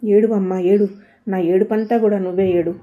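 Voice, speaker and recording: A woman voicing a bitter, angry young man stuck in bed, who snaps and shouts at his family. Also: mid-range voice, fairly even intonation, moderate pace, muffled recording, soft background music, lightly acted. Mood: bitter, shouting. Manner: snapping, shouting.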